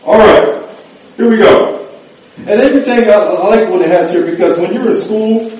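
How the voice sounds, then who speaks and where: A man's voice: high-pitched, moderate pace, a little mellow. A man preaching a sermon, joking with the congregation and often asking them to answer "amen" and "right". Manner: call-and-response, often asks "amen?" and "right?". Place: church. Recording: echoey church hall, mic at a distance.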